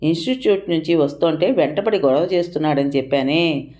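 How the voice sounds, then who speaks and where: A woman's voice: sits low, warm tone, lightly acted. Woman voicing a timid, fretful young woman. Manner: hurried, fretful pleading.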